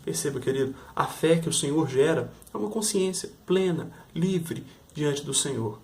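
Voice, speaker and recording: A man's voice: a little high, lively intonation, normal speed. A man with a Brazilian Portuguese accent preaching a sermon, earnest and pastoral, often checking in with his listeners. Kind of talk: sermon teaching.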